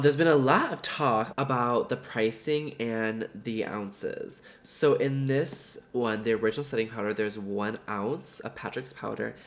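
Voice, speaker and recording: A man's voice: medium pitch, fairly bright tone. A man with a stuffed-up, nasal voice, chatting in a gushing, slangy way as he reviews makeup in a vlog. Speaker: beauty vlogger.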